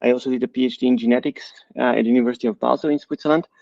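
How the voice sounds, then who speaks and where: A middle-aged man from Bulgaria, a company CEO and co-founder, answering interview questions in a measured, explanatory way with frequent fillers. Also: medium pitch, fairly even intonation, vocal fry, dry recording. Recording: dry, slightly dull sound.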